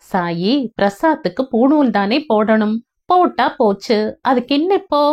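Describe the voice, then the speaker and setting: A woman voicing a gentle young husband who calmly soothes and explains in a storybook reading. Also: a little high, moderate pace, highs cut off, natural voice. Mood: soothing.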